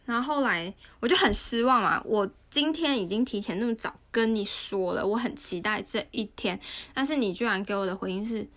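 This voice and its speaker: A woman's voice: mid-range voice, a little fast, hardly any pauses, a bit bright. A woman, co-hosting a podcast and telling a sad story in a casual, emotional way. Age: 30s. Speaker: podcast co-host. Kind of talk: casual chat.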